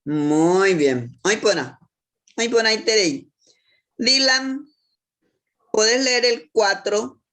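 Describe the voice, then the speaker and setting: Slow-speaking woman teacher. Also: medium pitch, a bit bright. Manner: asks questions and praises answers. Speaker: language teacher. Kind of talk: classroom instruction.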